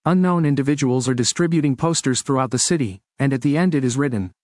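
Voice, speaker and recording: A man giving a steady, measured scripted narration of a news report. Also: medium pitch, no echo, clean studio sound.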